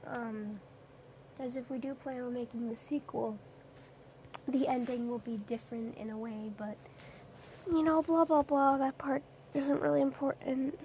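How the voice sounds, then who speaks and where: A woman's voice: a little high, steady tone, normal speed, dark tone, slight background noise. A young woman streamer rambling hesitantly in a casual late-night chat, with lots of fillers.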